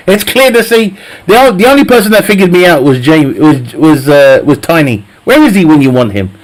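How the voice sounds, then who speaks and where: Expressive and high-voiced, this streamer chats with his audience as he games, speaking at a moderate pace. He curses freely, jokes around, and laughs frequently at his own humor.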